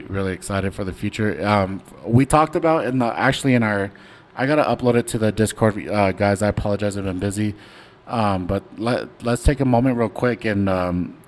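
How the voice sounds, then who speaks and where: A young man hosting a casual trading livestream, talking loosely with lots of fillers and slang. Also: lowish voice. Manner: laid-back, rambling, slangy with many fillers. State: hiccuping. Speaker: stock trading stream host. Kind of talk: casual livestream chart talk.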